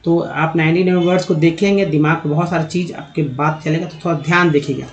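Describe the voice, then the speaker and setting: A man giving a spoken lesson on reading English words, explaining patiently, spelling letters out slowly and repeating words, addressing viewers as friends. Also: a little high, fairly even intonation, highs cut off. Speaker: English teacher.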